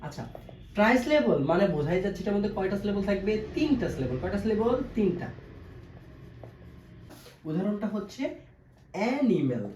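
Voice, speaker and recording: Pitched high and swinging widely, this man's slightly mellow voice moves a little fast with frequent pauses. As an English teacher in a classroom-style video lesson, he asks questions, answers them himself and repeats every key term, recorded in an echoey room with faint background noise.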